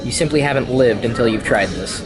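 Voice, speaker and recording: A man's voice: medium pitch, a little fast, a crowd in the background. A man hosting a casual food vlog, chatty as he describes dishes and teases in playful banter. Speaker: vlogger. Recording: music playing behind.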